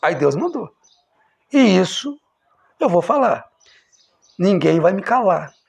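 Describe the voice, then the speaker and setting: Gravelly, animated preacher man. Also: slow. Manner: emphatic, swinging from loud exclamations to low quiet lines. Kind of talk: impassioned religious sermon.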